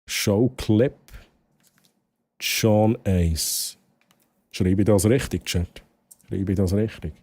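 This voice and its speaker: A young Swiss man streaming live in casual chat with a Swiss German accent, excitable and prone to loud outbursts. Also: extremely slow, long pauses, husky, dry recording. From Switzerland. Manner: excitable, bursts into loud high exclamations and laughter.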